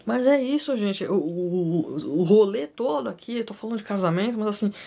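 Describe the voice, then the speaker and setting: A woman's voice: medium pitch, expressive, moderate pace, gravelly, warm tone. A woman talking casually about a film, rambling with many fillers and joking asides to her viewers. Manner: rambling, full of fillers, self-deprecating asides. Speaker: film commentator. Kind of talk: casual film analysis vlog.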